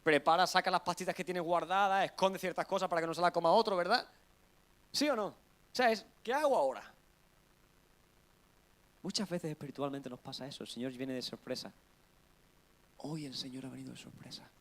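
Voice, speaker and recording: High-voiced animated male pastor. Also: a little fast. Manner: animated, acts out scenes, then drops to soft earnest prayer. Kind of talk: sermon.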